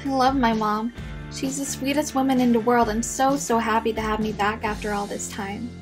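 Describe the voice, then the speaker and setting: Cocky high-voiced schoolgirl vigilante Hit-Girl, played by a woman. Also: steady tone, moderate pace, natural voice. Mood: matter-of-fact, proud. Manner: matter-of-fact, cocky, foul-mouthed. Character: brash, tough schoolgirl vigilante, fiercely devoted to late father. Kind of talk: comic dub narration and dialogue. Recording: music behind the voice.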